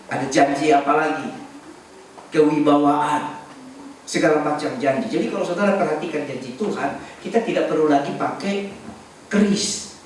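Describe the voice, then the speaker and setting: A man preaching a sermon as pastor, animated and joking, calling for responses from the congregation. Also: fairly high pitch, a little hiss or hum. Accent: Indonesian. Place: large church hall. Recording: echoey church hall, distant mic.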